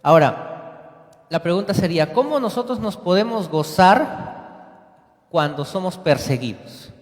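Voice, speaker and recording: A man's voice: sits high, animated, a little slow. A man preaching a sermon in church, asking the congregation questions and acting out short quoted dialogues. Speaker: lay preacher. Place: church sanctuary. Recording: echoey church hall.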